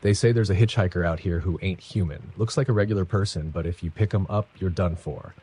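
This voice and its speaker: Man playing a menacing middle-aged trucker in a horror audiobook, husky low drawl. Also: a little fast, warm tone. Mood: ominous.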